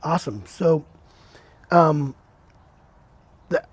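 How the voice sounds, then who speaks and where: A man hosting a podcast interview, chatting in a relaxed way, often repeating words and calling his guest "man". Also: a little high, extremely slow. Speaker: podcast host. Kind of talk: casual interview chat.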